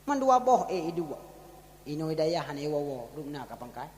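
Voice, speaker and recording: A man with an Acehnese accent preaching a sermon at a religious gathering, swinging from loud raised phrases to low dropped ones. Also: sing-song, moderate pace, slight background noise. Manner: rises loud on one phrase, drops low on the next. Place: large hall at a religious gathering. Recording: long hall reverb.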